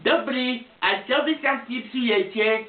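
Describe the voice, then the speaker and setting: A man's voice: very high voice, a little slow, pitched above the performer's own voice. A man voicing a little old complaining grandpa with a Silesian accent and a plaintive, colloquial manner. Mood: curious. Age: older. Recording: tinny, roomy, distant microphone.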